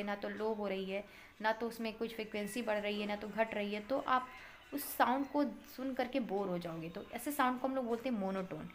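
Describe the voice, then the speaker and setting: A woman teaching a physics class, explaining in Hindi, checking in with her students and reading English textbook lines slowly. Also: mid-range voice. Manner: addresses students as beta, checks with "है ना".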